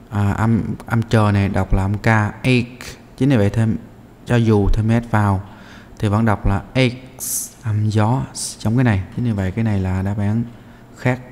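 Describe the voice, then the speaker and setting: A man teaching a practice test, his voice sitting fairly low. He explains each answer step by step and pauses on hesitant fillers between points. The recording carries a long room reverb over faint background ambience. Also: darkish tone, slight background noise. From Vietnam. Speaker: English teacher. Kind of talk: walking through test answers.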